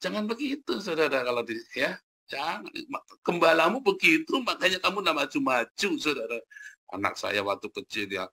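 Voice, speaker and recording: A pastor delivers a sermon in a loud, thundering voice. His pitch rises and falls a lot as he teases and scolds in casual street speech. He sounds like a man of ordinary middle pitch. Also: animated, a little fast. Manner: booming, teasing, colloquial.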